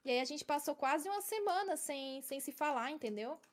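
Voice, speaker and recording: A woman's voice: sits high, lively intonation, brisk. A young woman casually telling a long personal story, often adding "entendeu?" to check her listeners follow. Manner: chatty, keeps adding "entendeu?".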